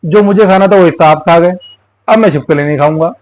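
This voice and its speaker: A man's voice: fairly high pitch, fast talker, dry recording, lightly acted, rough recording. A man voicing a stubborn, sly village boy with whiny, insistent refusals in a folk tale.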